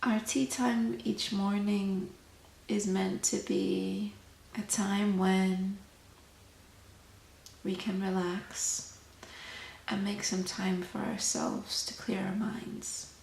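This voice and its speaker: A woman host chatting in a soft-spoken ASMR style, explaining things gently and without hurry, with drawn-out pauses. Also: mid-range voice, little pitch movement, vocal fry. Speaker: host of a tea meditation channel. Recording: roomy echo, faint background noise.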